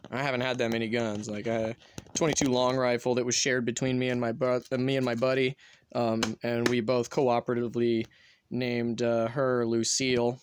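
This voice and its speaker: A man with a medium-pitched voice vlogs casually about guns at home near a bed, rambling offhandedly and swearing freely. The recording has a little hiss or hum.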